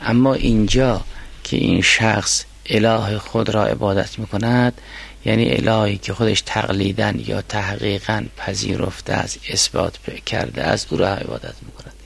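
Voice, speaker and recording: A man teaching a class on a mystical philosophy text, reading classical quotations slowly and then explaining them. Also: fairly low pitch, steady tone, gravelly, husky.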